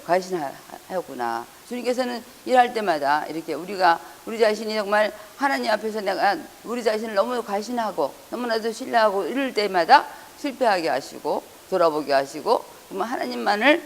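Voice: medium pitch, vocal fry, slight background noise. Pastor preaching in a reverberant church. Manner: earnest, raises voice when reading scripture; frequent hesitations and self-corrections. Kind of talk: Sunday sermon. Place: church hall. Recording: long church hall reverb.

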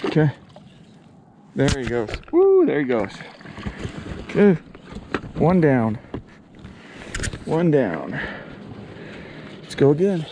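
Brief: slow-talking, fairly high-voiced man, casual fishing vlog commentary, outdoor camera audio with steady wind and water noise. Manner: upbeat, repeats words while landing fish. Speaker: fly fishing vlogger. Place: outdoors on a lake in a small boat.

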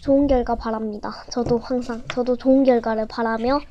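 A teenage girl chatting cutely through a home tutorial vlog, often dropping to a soft near-whisper. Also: fairly high pitch, fairly even intonation, a little fast, lo-fi sound, slight background noise. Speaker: vlogger.

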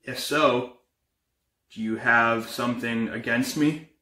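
Young male actor as an uneasy amateur ghost hunter for found footage horror: hesitant, unscripted delivery, sharp bright tone, echoey room. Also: medium pitch, fairly even intonation. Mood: uneasy, matter-of-fact. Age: young adult. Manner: halting, hesitant, casual. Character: uneasy young man investigating paranormal disturbances. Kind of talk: improvised found footage monologue. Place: indoors, bedroom and kitchen.

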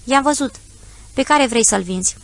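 Woman doing a young male landowner, dry, curt, impatient, higher voice, audiobook. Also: slight background noise. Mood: stern.

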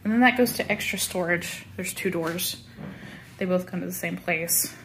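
A woman's voice: normal speed, fairly bright tone. A woman in a casual, rambling home tour, filmed handheld in a new house, tired after moving. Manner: chatty, rambling, coos at her pets in a high baby voice. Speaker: vlogger giving a home tour. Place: inside a newly moved-into house. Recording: noisy home recording.

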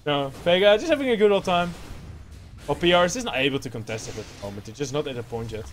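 A man with a Dutch accent giving excitable play-by-play commentary on an esports match. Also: a little high, quick pace, soft background music. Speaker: esports caster.

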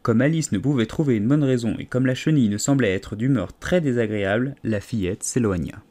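A man narrating a children's audiobook in a lively, expressive reading. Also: mid-range voice, brisk. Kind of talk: storytelling narration.

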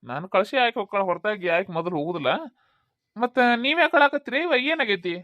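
A woman's voice: mid-range voice, big pitch swings, fast, no echo, highs cut off, lightly acted. A woman with a North Karnataka Kannada accent, playing a worried old village father-in-law in a comedy skit, rambling and repeating her questions. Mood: worried, bewildered.

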